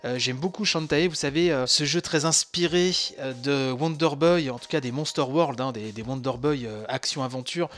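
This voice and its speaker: A man's voice: mid-range voice, moderate pace, hardly any pauses, fairly bright tone. A man hosting a casual podcast, talking with many fillers and restarts. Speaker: podcast host.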